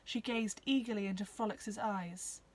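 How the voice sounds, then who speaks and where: A woman's voice: medium pitch, steady tone, moderate pace, low-quality recording. Woman reading a children's story aloud. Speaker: reader of a children's novel. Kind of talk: storybook narration.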